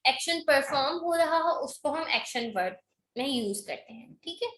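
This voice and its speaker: A woman teacher with a high, bright voice gives an online English grammar lesson. She explains in Hindi mixed with English, slows down for the definitions and keeps checking in with a quick "okay?". The room sounds echoey. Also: expressive, a little hiss or hum.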